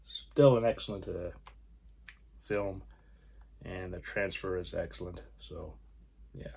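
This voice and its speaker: A man hosting his own film channel, casually showing his disc collection in halting, rambling talk with frequent pauses. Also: low voice, vocal fry, darkish tone, slightly rough. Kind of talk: casual video collection review.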